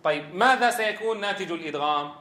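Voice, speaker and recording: A man's voice: high voice, expressive, quick pace, sharp tone, roomy sound. A man teaching Quran recitation, asking students questions and demonstrating sounds. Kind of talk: tajweed lesson.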